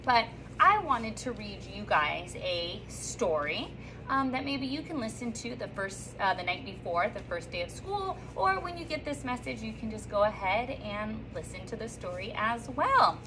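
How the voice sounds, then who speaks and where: Sitting in her classroom reading corner, a woman in her thirties who teaches third grade greets her class in an upbeat sing-song and reads a picture book aloud, her reading full of lively rises and slips. Her voice sits on the high side at normal speed. She's recorded by a phone or camera on a stand a few feet off, with noise in the background.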